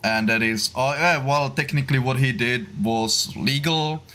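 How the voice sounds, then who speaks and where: A man speaks on a panel in a middle pitch. He talks casually and keeps padding his thoughts with little fillers. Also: measured pace, pushed and bright. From Czech Republic. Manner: chatty, leans on "you know, like". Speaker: YouTuber guest.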